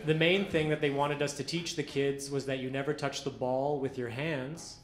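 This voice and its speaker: A male comedian doing a stand-up set on a club stage, speaking at a middle pitch. He tells his stories deadpan and acts out the other voices himself. The mic catches a roomy, echoing club with clear crowd noise behind him. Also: normal speed. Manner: deadpan storytelling, acts out quoted dialogue. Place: comedy club stage before a live audience.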